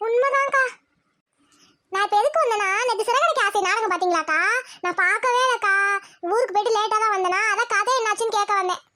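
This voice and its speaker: A woman's voice: very high voice, fast, pushed and bright. A woman voicing a chatty, agreeable neighbour. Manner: agreeable, reassuring, deferential.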